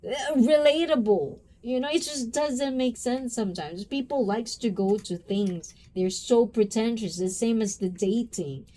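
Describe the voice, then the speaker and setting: A woman's voice: on the high side, a little slow, few pauses, dark tone. A woman hosting a casual live stream, chatty and full of "you know" and "like", greeting viewers by name. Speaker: livestream host. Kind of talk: casual live-stream chat reading comments.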